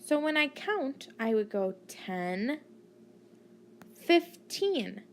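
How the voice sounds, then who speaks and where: A woman teacher narrating a maths lesson for children, deliberately teaching a child to count and putting questions to the listener. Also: sits high, big pitch swings, slight background noise. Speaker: primary school maths teacher.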